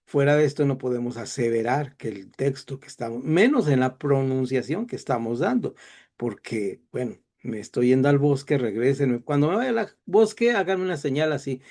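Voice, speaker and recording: Bible teacher, middle-aged man, Mexican accent, gravelly voice, wanders into asides and pulls himself back. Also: mid-range voice, expressive, moderate pace, a little mellow. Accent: Mexican Spanish. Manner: digressive, chatty, self-deprecating asides. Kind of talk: classroom lecture.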